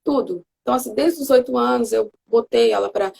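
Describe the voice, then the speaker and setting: A woman's voice: a little high, fairly quick, gravelly, a little mellow, slightly rough. A Brazilian woman talking earnestly as a guest mother on a live video call, telling her story in a heartfelt way. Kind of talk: casual live video chat.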